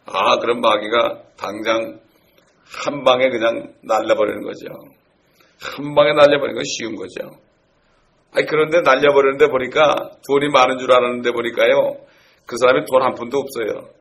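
A man's voice: medium pitch, steady tone, moderate pace, vocal fry, a bit bright. A middle-aged man preaching a sermon earnestly and posing rhetorical questions to the congregation. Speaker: pastor.

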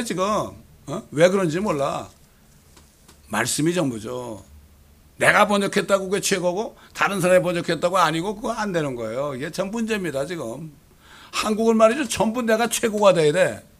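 Middle-aged male pastor, high voice, emphatic sermon delivery with rhetorical questions. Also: a bit bright.

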